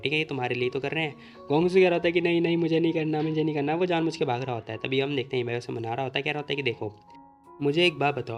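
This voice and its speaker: A man talks fast through a casual recap of a comic story. He quotes each character's lines himself without taking on a new voice. Faint instrumental music plays beneath him. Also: medium pitch. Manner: retells the plot, quoting the characters' lines in his own plain voice. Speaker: manhwa recap narrator.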